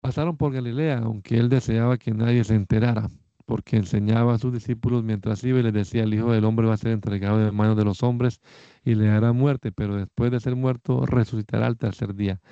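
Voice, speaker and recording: A man reading Bible passages aloud in a measured, steady way, lifting his voice slightly for quoted speech. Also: lowish voice, clean tone, dry recording, dull audio. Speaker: Bible reader.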